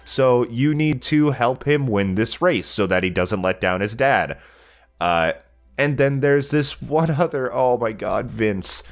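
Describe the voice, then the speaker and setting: Animated but unhurried, a young man in a mid-range voice talks about a video game while congested and slightly nasal from a cold. He's a let's play channel regular giving a casual review, meandering with many fillers and frequent self-corrections.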